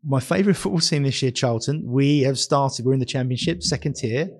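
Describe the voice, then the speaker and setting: A man with a husky voice, speaking as a guest fund manager in conversational market commentary, explaining his views with careful caveats. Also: mid-range voice, brisk.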